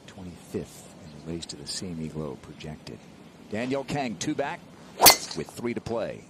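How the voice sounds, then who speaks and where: A man's voice: sits low, expressive, moderate pace, heavy background noise. A man working as lead announcer, giving live golf commentary on a broadcast.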